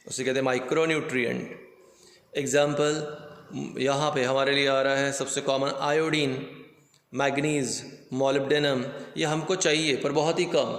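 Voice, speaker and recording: A man teaching a science lesson in Hindi, explaining with everyday examples, checking in with the class and slipping into English terms. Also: mid-range voice. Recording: echoey room with long reverb.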